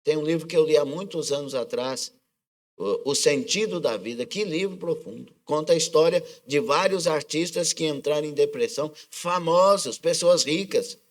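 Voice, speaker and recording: A man's voice: on the high side, normal speed. A man with a Brazilian accent preaching a sermon as pastor, often asking the congregation questions and calling for their responses. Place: church service.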